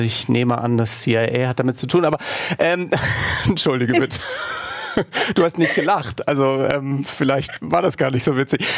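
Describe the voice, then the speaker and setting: A man hosting an interview, talking in a halting way with many fillers and self-mocking asides. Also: a little high, a little mellow, no room sound. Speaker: podcast host. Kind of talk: conversational interview.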